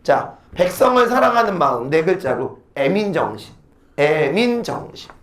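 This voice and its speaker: A man teaching classical poetry to a class, asking quick questions and answering them himself, with blunt slangy asides. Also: fairly high pitch, sing-song, fairly bright tone. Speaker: Korean literature teacher. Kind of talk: lecture to students.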